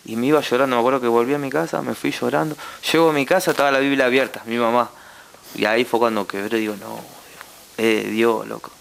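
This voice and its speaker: A young Argentine man with a Rioplatense accent giving a heartfelt personal testimony as a guest, halting and full of repeated tag questions. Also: mid-range voice, steady tone, creaky, slight background noise.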